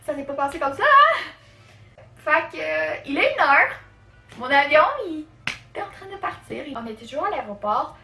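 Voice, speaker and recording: A woman's voice: sits high, sing-song, normal speed, vocal fry, long pauses, sharp tone. A woman from Canada with a Quebec French accent, telling a casual storytime in a chatty way, full of fillers. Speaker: vlogger. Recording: echoey room, faint music.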